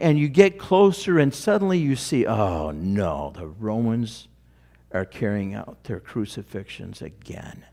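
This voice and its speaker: A male pastor delivering a sermon at an unhurried pace. His voice sits a little higher than most men's, and he leans into drama, letting his words sink to a hush. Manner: slow, dramatic preaching that drops to a hush.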